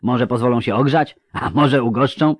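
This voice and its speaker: A man voicing a cheeky, stubborn young girl in a read-aloud story, high and shrill. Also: normal speed, no echo, studio quality, close to an everyday voice. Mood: shouting, insistent.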